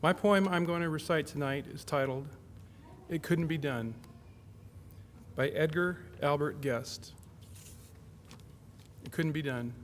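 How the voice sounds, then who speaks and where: A man's voice: fairly high pitch, a little slow, a little hiss or hum. A young man, a student, giving a formal poetry recital. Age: young adult. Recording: live in a reverberant hall.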